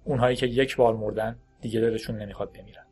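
A man voicing a calm male vampire gunman who speaks in quiet, flat, understated threats. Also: on the low side, breathy edge, faint music behind. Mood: cold.

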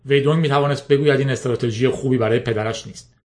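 A man narrating a story aloud in a steady, measured reading. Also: medium pitch. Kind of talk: scripted audiobook narration.

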